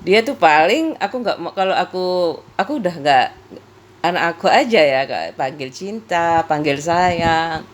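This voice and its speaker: A woman's voice: on the low side, expressive, unhurried. Chatty woman vlogger. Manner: chatty, laughs often, breaks into singing. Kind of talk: casual chat.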